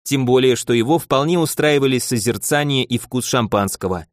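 An audiobook narrator, a man with a mid-range voice, reads a novel in a measured, even way. It's scripted narration in clean studio sound with no room sound.

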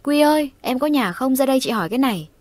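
A woman's voice: on the high side, a little fast, dry recording, close to an everyday voice. A woman voicing a young village mother who calls out urgently, searching for her son. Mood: anxious. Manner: urgent, calling out.

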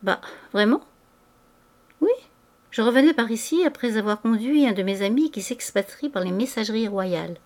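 A woman's voice: fairly high pitch, lively intonation, normal speed, a little mellow, natural voice. A woman reading as Vautrin, a sly burly joker. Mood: scornful. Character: burly, sly, swaggering middle-aged man lodger. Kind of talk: audiobook reading.

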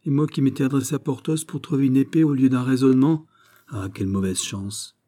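A man voicing a bitter, impatient young nobleman in an audiobook, low and subdued, with a husky voice. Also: fairly quick, mellow, lightly acted. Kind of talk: audiobook character voice.

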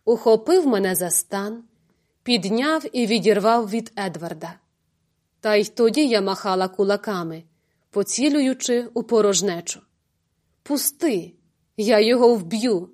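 Woman, audiobook narration, expressive, lively, medium pitch. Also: normal speed.

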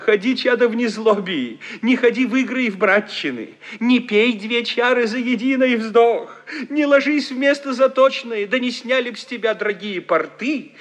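A man's voice: very high voice, fairly bright tone, pitched above the performer's own voice. A man voicing an older, pious mother who laments and reproaches her son in an old-fashioned wail.

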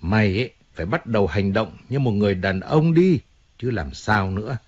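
A man voicing a stern older male crime boss who speaks gruffly and scornfully, in an audiobook reading. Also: mid-range voice, expressive, normal speed, highs cut off, natural voice.

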